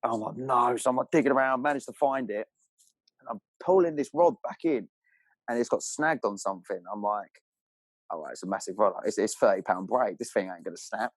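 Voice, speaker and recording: A man with a lowish voice tells stories casually as a podcast guest, speaking briskly in a matey, slangy style full of swearing. The storytelling is animated, and the recording sounds dry.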